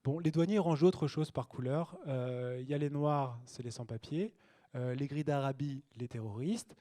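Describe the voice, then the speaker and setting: A man's voice: mid-range voice, moderate pace, dark tone. A young man performing a stand-up routine on a small cabaret stage, cheeky and chatty with a loose delivery. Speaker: stand-up comedian.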